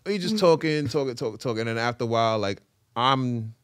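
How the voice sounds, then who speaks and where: A man's voice: medium pitch, expressive, fairly quick, clear, resonant tone, no room sound, clean studio sound. A man in his thirties with a Brooklyn accent tells a story in a slangy, conversational podcast style. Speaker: podcast speaker telling a personal story. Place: small indoor podcast studio. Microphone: close podcast mic on boom arm.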